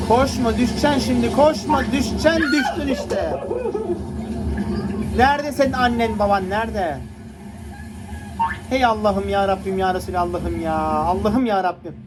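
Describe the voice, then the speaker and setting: A man's voice: high voice, heavy background noise. A man hosting a reaction video, laughing, cooing and pleading at the funny clips he watches. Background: music from the clips.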